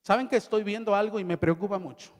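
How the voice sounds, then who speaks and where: A man's voice: high voice, fast talker. A middle-aged male pastor preaching a sermon. He reads scripture aloud and asks the audience questions. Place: large hall at a youth event. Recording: long hall reverb.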